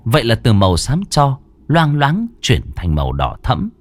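A man narrating a horror story with a dramatic, expressive reading. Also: medium pitch, moderate pace, dry recording.

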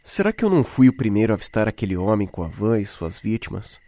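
Speaking fast and very animated, the man uses a fairly low, dark-toned voice with no echo. He acts as a shaken young Brazilian dramatically narrating his own night-time horror encounter in first person, complete with acted dialogue, over music in a tense, ominous mood.

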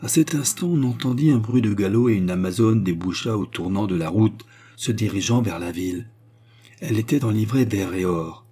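Male audiobook narrator, low, mellow, husky, measured delivery. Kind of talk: audiobook reading.

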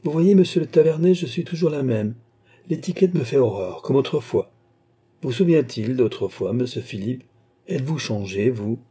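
Audiobook casting: man doing a playful, imperious young queen, voice lifted high, dark and a little husky. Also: animated, moderate pace. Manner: exuberant, raised pitch. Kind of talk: audiobook reading.

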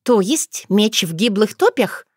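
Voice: medium pitch, big pitch swings, unhurried, dry recording, studio quality, pitched above the performer's own voice. A reader playing a proud, commanding young witch. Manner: imperious, demanding.

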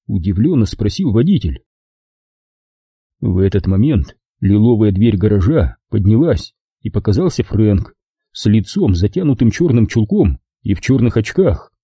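Husky, dark-voiced male narrator. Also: lowish voice, dry recording. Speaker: audiobook reader. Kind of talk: scripted narration.

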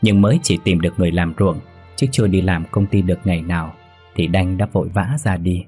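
A man narrating a scripted ghost story in a steady, unhurried way with a husky voice. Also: deep voice. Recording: soft music bed under the voice.

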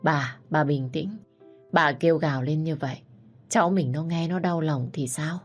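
A woman voicing a steady old grandfather. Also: sits low, normal speed, faint music behind. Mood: calming. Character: old grandfather, gruff then calming.

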